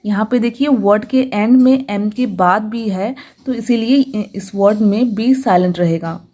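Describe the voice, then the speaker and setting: A woman, teaching English pronunciation patiently and slowing down to stress each rule. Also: medium pitch, a little mellow. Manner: patient, slows down to stress rules. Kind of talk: explanatory lesson.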